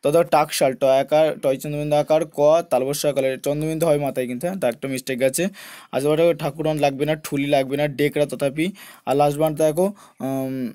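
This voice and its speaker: Fast-talking man teaching spelling. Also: on the high side, level tone, dark tone. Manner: spells words out letter by letter, repeating key points. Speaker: exam prep teacher. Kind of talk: spelling lesson for exam students.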